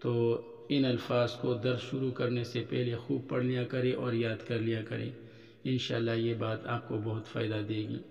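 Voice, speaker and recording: A man's voice: medium pitch, completely flat delivery, moderate pace, vocal fry, darkish tone, dull audio. A man teaching an Arabic lesson, patiently explaining each point and drawing out the example words. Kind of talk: recorded religious-school lesson. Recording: roomy hall echo.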